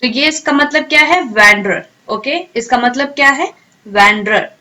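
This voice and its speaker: Woman, high voice, bright tone, vocabulary teacher, repeats every question and answer. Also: low-quality recording. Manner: repeats questions and answers, slow drilled pronunciation. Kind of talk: vocabulary lesson with drills.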